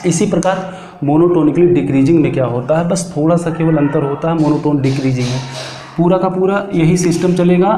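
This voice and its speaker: A man teaching a math lesson, explaining step by step and answering his own questions as he goes. He slows right down when he dictates formulas. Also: on the high side, warm tone. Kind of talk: classroom lecture. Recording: echoey room, faint background noise.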